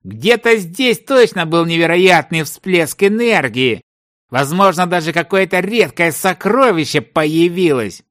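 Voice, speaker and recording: A man voicing a stubborn, excitable tall treasure hunter who insists, slowly and in a high voice. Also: no room sound, studio quality. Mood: insistent.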